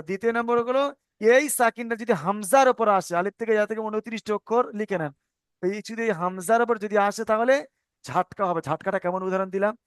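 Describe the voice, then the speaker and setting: A male tajweed teacher walks students through the letters, saying each sound again and again and checking that they follow. His voice is high and smooth. It sits close and dry on the mic. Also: no room sound. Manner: patient, repeats sounds and asks if understood. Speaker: Quran reading teacher. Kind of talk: online tajweed lesson.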